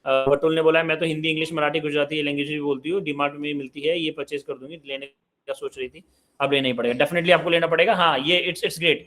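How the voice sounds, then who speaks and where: A man's voice: fairly high pitch, fairly even intonation, fast talker, a bit bright. A man in his late twenties hosting a live online parenting session, reading out viewer questions and answering them conversationally. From Uttar Pradesh, India. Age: 20s.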